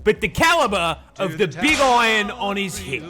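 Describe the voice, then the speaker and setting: A man's voice: sits high, very animated, normal speed, over music. A man delivering scripted comedic nature narration in an exaggerated, sweary style. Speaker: video narrator.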